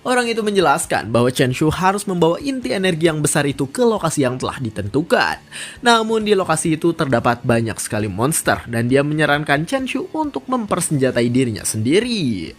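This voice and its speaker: A narrator retelling a manhwa story in a scripted read. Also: a little fast. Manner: steady storytelling read with lively pitch.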